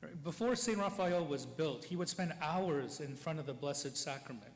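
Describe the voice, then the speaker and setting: A priest giving a eulogy at a funeral mass, talking in a conversational way, checking in with the listeners and chuckling between stories. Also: male voice, fairly high pitch, animated, moderate pace. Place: church. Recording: long church reverb, faint ambient noise.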